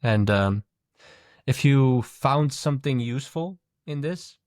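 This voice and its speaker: A man's voice: mid-range voice, animated, takes it slowly, a little mellow, dry recording, studio quality. A man co-hosting a podcast in casual chat, thoughtful and musing as he talks. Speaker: podcast co-host.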